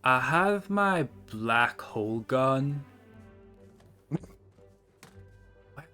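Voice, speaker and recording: Man putting on a squeezed, lisping little shopkeeper guy, shifty and hunched, mumbling and couldn't-care-less, thin bright tone, quiet music behind. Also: medium pitch, expressive, drawn-out words, full character voice. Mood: indifferent. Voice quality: strained, lisping.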